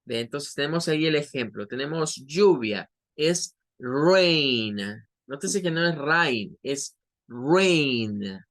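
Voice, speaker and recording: A male English teacher whose first language is Spanish walks students through vowel rules. He talks at an unhurried, deliberate pace. He stretches out each example word so the class can hear it clearly. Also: fairly high pitch. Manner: slow, patient explaining with drawn-out example words. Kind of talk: online class lesson.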